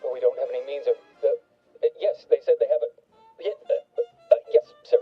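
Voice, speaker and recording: A man's voice: medium pitch, wildly swooping pitch, a little fast, breathy edge. An actor playing a flustered male facility guard speaking over an intercom that sounds like an old time radio show. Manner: formal, then stammering and flustered. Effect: old time radio sound, speaking through an intercom. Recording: dull lo-fi intercom sound with game music.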